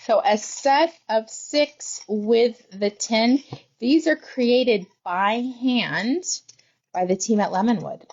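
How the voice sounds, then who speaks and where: A woman's voice: on the high side, slow, darkish tone, dull audio. Chatty woman gushing over craft products. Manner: chatty, gushing, thinks aloud while handling items. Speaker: shop livestream host. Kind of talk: casual product showcase livestream.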